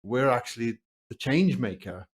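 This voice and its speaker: Man asking halting interview questions. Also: medium pitch, animated, slightly rough. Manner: halting, repeats words while forming questions. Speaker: podcast host.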